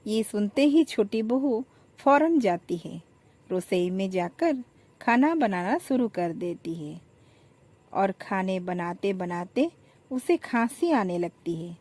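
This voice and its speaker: A woman narrates a domestic tale in a calm, measured voice. She takes her time, speaking slowly and steadily. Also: medium pitch. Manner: measured, plain telling. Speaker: storyteller. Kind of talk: scripted story narration.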